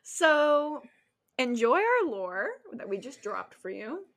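A young woman co-hosting a casual podcast, telling stories in an animated, giggly way on a close mic. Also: high voice, slow pace. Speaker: podcast co-host. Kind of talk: casual chat.

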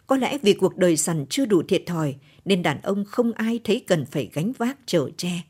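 Husky, low-voiced woman reading a story. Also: big pitch swings, normal speed, a little mellow. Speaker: radio story narrator. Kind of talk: scripted literary narration.

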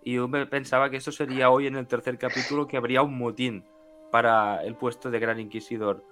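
Mid-pitched man discussing casually. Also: little pitch movement, a little fast, a bit bright. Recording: music under the voice.

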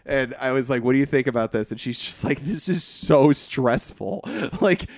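A man's voice: medium pitch, brisk, dry recording, clean studio sound. A man co-hosting a casual podcast, chatty and sarcastic, laughing along with his co-host.

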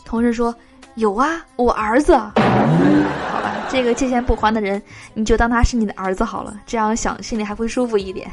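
A woman podcast host reading out jokes in a lively way, laughing between them. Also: a little high, fast, over loud music.

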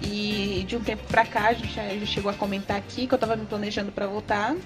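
A woman's voice: medium pitch, little pitch movement, quick pace. Bahian woman chatting as podcast host, music behind. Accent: Bahian Brazilian Portuguese. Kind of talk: casual chatty podcast presenting. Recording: loud background music under the voice. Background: background music.

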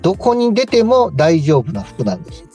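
A man's voice: on the high side, wildly swooping pitch, moderate pace, dark tone, faint music behind. A man with a Kansai Japanese accent giving a polite, informal explanatory talk as a radio co-host and stylist. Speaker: co-host, stylist and tailor shop manager.

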